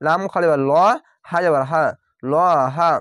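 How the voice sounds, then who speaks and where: A man teaching Quran reading, spelling each letter and vowel mark slowly before reciting the word drawn out. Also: on the high side, little pitch movement, clear, resonant tone, dry recording, clean studio sound.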